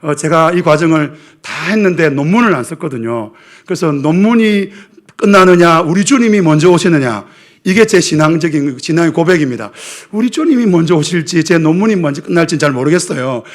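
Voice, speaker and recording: A man's voice: on the high side, lively intonation, fairly quick. A middle-aged man, preaching a sermon as pastor, asking the congregation questions with wry, self-mocking humor.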